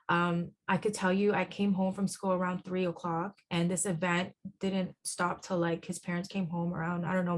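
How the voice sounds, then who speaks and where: A woman speaking as a podcast guest, telling a personal story in an earnest, halting way, often repeating words and restarting. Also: lowish voice. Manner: earnest and heartfelt. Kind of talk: emotional personal testimony.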